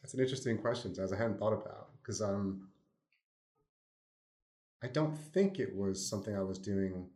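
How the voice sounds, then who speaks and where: Podcast guest, New Jersey man, thoughtful and easygoing, deep voice. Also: lively intonation, normal speed, long pauses, warm tone. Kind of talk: casual discussion. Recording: roomy echo.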